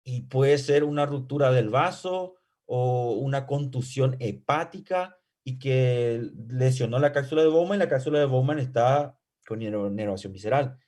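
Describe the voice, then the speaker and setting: A man's voice: mid-range voice, a little mellow. Man lecturing, checks understanding constantly. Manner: asks himself rhetorical questions and checks understanding with "¿ya?"; briefly acts out patient and doctor dialogue. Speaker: medical physiology lecturer. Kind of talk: classroom lecture.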